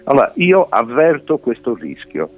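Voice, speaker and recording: A man's voice: mid-range voice, big pitch swings, normal speed. A middle-aged man, a mayor, speaking earnestly over a landline phone in a live radio interview, with frequent hesitations and restarts. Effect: heard over a landline phone. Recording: dull lo-fi phone line.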